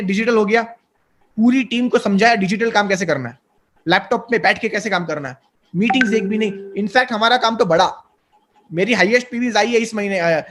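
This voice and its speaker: A man's voice: high voice, a bit bright. A man in his twenties, a network marketing guest, giving an earnest and persuasive motivational interview. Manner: earnest, persuasive, mixes English terms.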